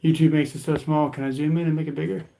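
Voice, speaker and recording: A man's voice: fairly high pitch, flat delivery, fast, creaky, warm tone, slight background noise, poor audio. Chatty man hosting a tool livestream. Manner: rambling, repeats words, talks to viewers as "guys" and "dude". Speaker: YouTube tool channel host. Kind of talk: casual livestream chat.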